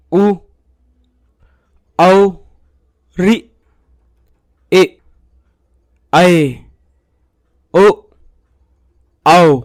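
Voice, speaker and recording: A man explaining a grammar lesson in a slow, explanatory way, often telling the listener to look. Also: sits high, no echo, clean studio sound. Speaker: teacher. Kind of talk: scripted Hindi grammar lesson.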